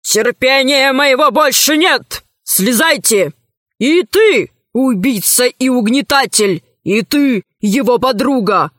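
A woman voicing a grumpy, proud old male dragon in an audiobook, speaking slowly and indignantly. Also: a little high, a bit bright, dry recording, clean studio sound. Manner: slow, weighty and indignant. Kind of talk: audiobook character voice.

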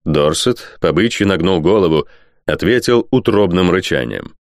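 Deep-voiced male audiobook narrator. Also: animated, normal speed, no room sound, studio quality. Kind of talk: expressive audiobook reading.

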